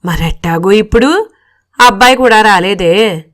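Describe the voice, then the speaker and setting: A woman's voice: mid-range voice, a little slow, close to an everyday voice. A woman voicing a fussy, easily flustered old mother-in-law who frets and asks anxious questions in a storybook reading. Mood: alarmed.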